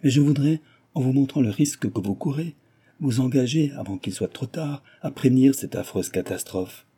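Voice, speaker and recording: A man voicing an earnest young woman, a gentle but firm heiress, pleading with a friend. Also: medium pitch, animated, normal speed, husky, pitched above the performer's own voice.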